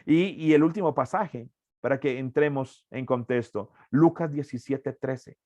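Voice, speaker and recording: A man's voice: mid-range voice, measured pace, darkish tone, dry recording. A man teaching an evangelism workshop as a preacher, earnest and emphatic, repeating key phrases.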